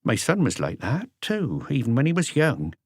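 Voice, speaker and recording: In an audiobook, a man performs a sharp-tongued elderly mother who is wary yet proud of her son, muttering defiant retorts in a wistful, proud mood. His mid-range voice is pushed up and exaggerated, creaky with a breathy edge, swooping wildly in pitch at a normal speed. The studio recording is clean, with no room sound.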